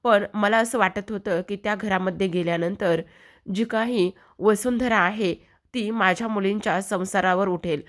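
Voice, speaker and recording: A woman's voice: mid-range voice, fairly even intonation, normal speed, close to an everyday voice. A woman voicing an earnest, regretful father speaking to his daughter, retold from a TV serial.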